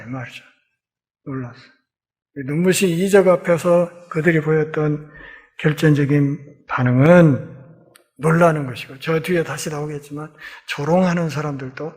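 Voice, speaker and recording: A middle-aged male pastor giving a Bible lecture sermon in a church, folksy and lively, acting out quoted voices with humor. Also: fairly high pitch, normal speed, pauses often.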